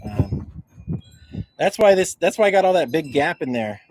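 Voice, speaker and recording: A man walking around outdoors on his property, casually showing things off to a handheld camera in a halting, rambling way that keeps repeating words. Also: fairly high pitch, big pitch swings, darkish tone, no echo, low-quality recording. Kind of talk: casual rambling show-and-tell. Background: faint wind noise.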